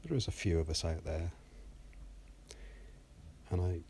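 A man, talking softly and in a monotone, often half-whispered, as he walks through his 3D animation work at a desk microphone. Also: deep voice, unhurried, a little hiss or hum. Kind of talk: screen-recorded software walkthrough.

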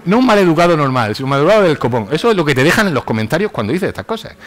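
A man giving a public science lecture in an animated, ironic way, acting out quotes in mock voices. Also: on the high side, rapid-fire. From Spain. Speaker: university lecturer. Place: lecture hall with audience.

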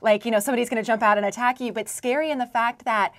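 A woman's voice: on the high side, fairly even intonation, racing. A young woman interviewer in a studio, hosting a book interview in a chatty way with lots of restarts. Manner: chatty, many restarts and fillers. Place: studio with dark backdrop.

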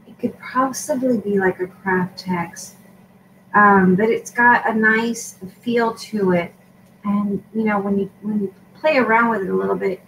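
A woman's voice: mid-range voice, fairly bright tone, far from the mic, a little hiss or hum, rough recording. A woman vlogger chatting casually as she shows craft supplies in a tutorial for her shop, rambling with lots of fillers.

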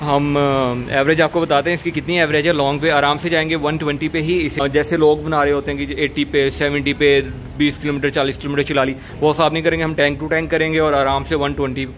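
A man's voice: a little high, little pitch movement, fast talker, few pauses, a bit bright, a little hiss or hum. A young man with a Pakistani Urdu accent, vlogging casually to his viewers while driving and stopping along the road. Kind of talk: casual travel vlog narration. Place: in a car and outdoors at roadside stops. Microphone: phone or camera held at arm's length.

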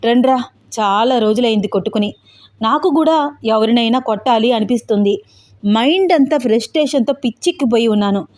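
A woman voicing a calm, fearless young man who taunts his attackers in a cool, mocking way. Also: fairly high pitch, a little fast, close to an everyday voice. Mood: coolly mocking.

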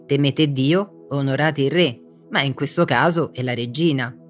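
Reader doing a gentle steady old dad, soft and calm, faint music under it. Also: medium pitch, moderate pace, close to an everyday voice. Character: calm elderly father quoting scripture.

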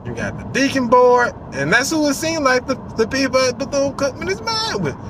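A man in his forties giving animated, casual commentary from inside a parked car, acting out voices and swearing freely. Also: extremely high pitch, brisk, background noise. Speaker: vlogger. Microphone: phone on the dashboard.

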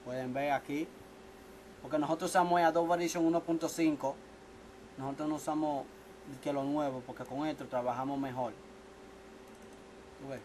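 A producer man talks loosely in a small studio, bragging and cracking jokes in street slang. His voice sits a little higher than most men's, and a faint hiss runs under the camera mic. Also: fairly even intonation, moderate pace, pauses often, a little mellow, poor audio. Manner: boastful, joking, slangy. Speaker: music producer. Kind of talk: casual studio chat.

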